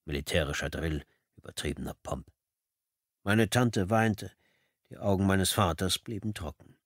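Man, audiobook narrator, calm measured first-person reading, low voice, dry close recording. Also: no echo.

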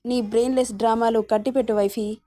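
A woman's voice: fairly high pitch, fairly even intonation, fast talker, dark tone, lightly acted. Woman voicing a domineering young husband. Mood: scolding. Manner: scolding, sarcastic.

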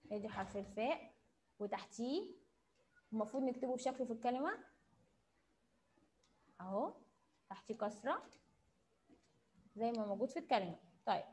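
High-voiced Egyptian kindergarten teacher. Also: female voice. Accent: Egyptian Arabic. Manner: slow, drawn-out prompting questions with cheerful praise. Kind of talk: online class for young children. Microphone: computer mic on a video call.

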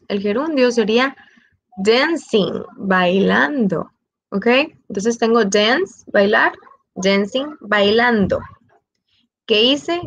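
A woman with a Mexican Spanish accent giving a bilingual grammar lesson, explaining slowly, repeating her examples and checking in with "ok?". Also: on the high side, fairly bright tone, muffled recording. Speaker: English teacher.

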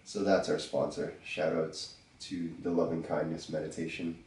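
A man's voice: rumbling low, roomy sound, distant mic, low-quality recording. A man hosting his own podcast while stuffed up from a cold, talking casually and joking as he answers listener questions. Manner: relaxed, joking, thinking aloud with pauses. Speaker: podcast host. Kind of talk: casual solo podcast talk.

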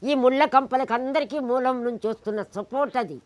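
A woman speaking fairly quickly in a high voice, on a dry recording, tells a personal story with emphasis in an interview. She mimics the people in it and rattles off indignant rhetorical questions.

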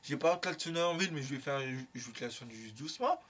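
A young man telling a casual story in a lively, slangy way, with plenty of swearing. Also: mid-range voice, fast, breathy edge. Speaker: YouTuber.

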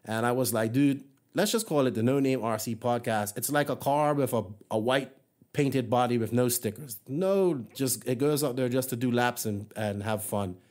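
A man's voice: mid-range voice, normal speed, a little mellow. A man from Bermuda hosting a hobby podcast, talking in a rambling, friendly way with many fillers and restarts. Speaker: podcast host. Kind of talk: casual solo podcast monologue.

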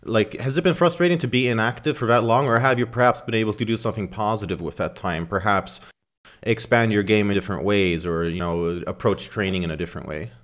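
A young man with a lowish voice asks long, wordy interview questions over a video call. The audio is dull and lo-fi, as from a webcam at home. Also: quick pace, fairly bright tone. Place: home room indoors. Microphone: video call webcam with earphones.

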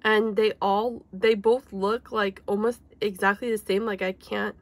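A woman's voice: medium pitch, fairly even intonation, unhurried, no echo. A young woman chatting casually through a collectibles haul video, full of "like" and "um", her voice a little off because she is sick. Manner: chatty, many fillers like "like" and "um". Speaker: K-pop collector vlogger. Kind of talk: casual unboxing chat.

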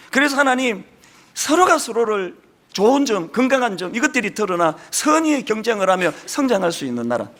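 A middle-aged man preaching a sermon with a strong Gyeongsang Korean accent. His voice sits very high and sounds bright and forceful. He delivers it in an earnest, emphatic way, and his pitch swings up and down a lot. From Gyeongsang region, South Korea. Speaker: pastor.

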